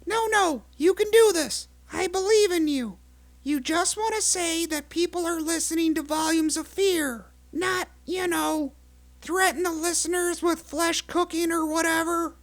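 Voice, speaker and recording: A woman's voice: very high-pitched, measured pace. A woman voicing an encouraging, loyal studio assistant in a comic audio drama.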